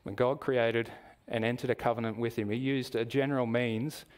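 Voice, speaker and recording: A man's mid-range, steady voice carries a church sermon in an Australian accent. His delivery is measured and explanatory, and he addresses questions to the congregation.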